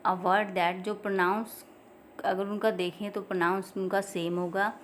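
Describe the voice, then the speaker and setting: Indian lady teaching an exam prep class, goes over points again and again, reads english lines slow, bit of hiss. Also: medium pitch, little pitch movement. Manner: explains and repeats points slowly, reads English definitions aloud deliberately.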